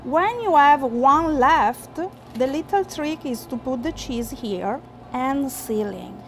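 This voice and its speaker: A woman chef in her thirties with an Italian accent demonstrates a recipe in a restaurant kitchen. Her voice is high and her English slightly broken as she patiently explains each step. Background music runs clearly under her voice. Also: animated, slow pace. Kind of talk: cooking demonstration.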